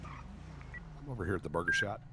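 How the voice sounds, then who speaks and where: A man's voice: medium pitch, sing-song, moderate pace, very noisy. A man playing a deputy, making brief calls over a police radio. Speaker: roleplay deputy.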